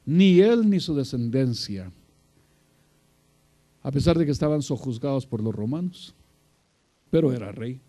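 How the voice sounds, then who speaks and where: A man preaching a sermon, addressing his listeners as brother and swinging between loud exclamations and quiet asides. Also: mid-range voice, lively intonation, measured pace, pauses often.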